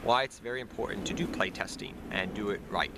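A young man, nasal from a cold, talks casually to the camera in snowy woods about card game strategy, rambling, correcting himself and calling viewers "guys." His voice is lowish and fast with vocal fry, picked up close by the camera's built-in mic amid heavy background noise from passing cars and planes.

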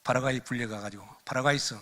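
A man's voice: medium pitch, rapid-fire. An older man, a missionary, giving a lecture full of personal stories that he tells with animation and laughs at along the way. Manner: animated storyteller who laughs at his own stories.

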